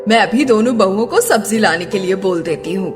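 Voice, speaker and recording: A woman voicing a worried middle-aged mother-in-law in an animated family story, fretful, motherly and quick to give instructions. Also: mid-range voice, lightly acted. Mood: instructing. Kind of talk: Hindi animated moral-story acting. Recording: long reverb, background music.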